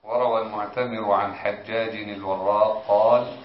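A man reciting a classical commentary aloud in a formal, measured way during a religious lesson. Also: lowish voice, fairly even intonation. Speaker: student reading the text aloud. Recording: echoey room, dull lo-fi recording, faint noise.

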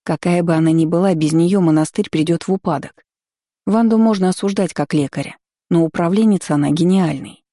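A woman reading a fantasy novel aloud as a first-person audiobook narrator, in a measured, even storytelling manner. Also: fairly low pitch, dry recording, studio quality.

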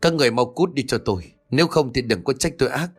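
A man's voice: mid-range voice, quick pace, breathy edge, faint music behind. A man doing a hot-headed young husband. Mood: angry shouting.

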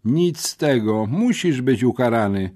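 A man's voice: mid-range voice, expressive, a little slow, dark tone, voice pushed up. A man voicing a stern, commanding female school headmistress.

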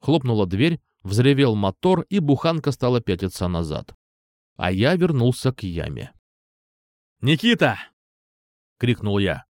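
A man's voice: medium pitch, big pitch swings, normal speed, dark tone, no room sound, studio quality. A man reading a first-person action audiobook with dramatic, tense storytelling. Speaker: audiobook narrator.

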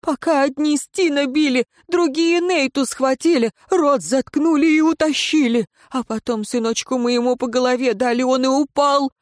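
A frantic older peasant father, as a woman reader puts him on, crying out for help in a raised, strained voice that rides high with desperation. Dry, close storybook read. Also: normal speed, dry recording, natural voice. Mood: desperate. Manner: desperate, shouting, tearful pleading. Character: anxious peasant father, older man, loud and pleading.

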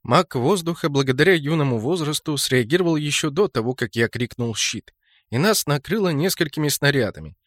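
A man narrating a fantasy game novel in a steady storytelling voice, lifting it sharply for shouted lines. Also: fairly high pitch, a little fast, hardly any pauses, no room sound, studio quality. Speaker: audiobook narrator.

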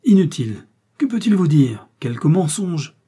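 A man's voice: mid-range voice, moderate pace, warm tone, husky, natural voice. A man doing a stern commanding detective. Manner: firm, clipped orders. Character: stern male police detective, grave and commanding. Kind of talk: audiobook character voice.

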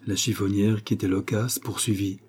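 A man reading a novel aloud as an audiobook narrator, steady and measured. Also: fairly low pitch, breathy edge.

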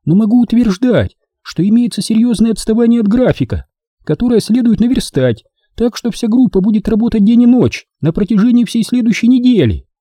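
A man voicing a playful, chatty young woman who teases her lover, raising his pitch high. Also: expressive, brisk, mellow, no room sound, studio quality. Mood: teasing. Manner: chatty, teasing.

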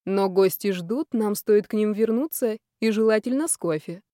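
A woman voicing a playful, teasing male boss who talks in a slow, joking manner. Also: mid-range voice, dark tone, no echo, studio quality, natural voice. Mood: calm.

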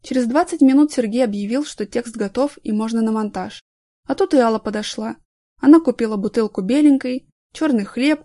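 Woman narrating a story, fairly high voice. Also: dark tone, no room sound, studio quality. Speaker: audiobook narrator. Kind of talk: scripted narration.

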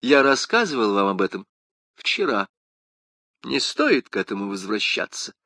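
A composed young male musketeer with a priestly air, voiced by a man reading aloud answers in a quiet, even, ironic manner. The voice is bright and crisp, recorded close and dry. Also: fairly low pitch, moderate pace, no echo, heavily acted. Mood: calm. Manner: quiet, calm, mildly ironic.

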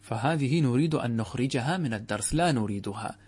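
A man teaching a classical Arabic grammar lesson as a sheikh, asking questions and answering them himself, repeating key words and slowing down to intone quoted verses. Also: medium pitch, expressive, a little mellow, husky.

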